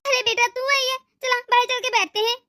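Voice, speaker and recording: A woman voicing a gentle, sickly elderly mother in a cartoon, calmly trying to keep the peace. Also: very high-pitched, a little fast, no echo, clean studio sound. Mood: soothing. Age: older. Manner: soothing, calming, pleading for peace. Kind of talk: Hindi cartoon voice acting.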